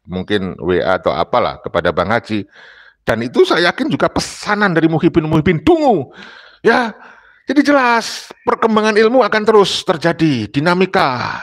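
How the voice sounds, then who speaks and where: In a panel discussion, an Indonesian man makes his case emphatically, lecturing and restating his points, in a voice on the high side with a fairly bright tone.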